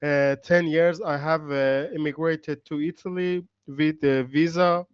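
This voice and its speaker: A man introduces himself on an online class, his voice smooth and slightly high. He speaks carefully, pausing on fillers. The call audio is dry and a little muffled. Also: fairly even intonation, no room sound. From Iran. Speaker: student participant.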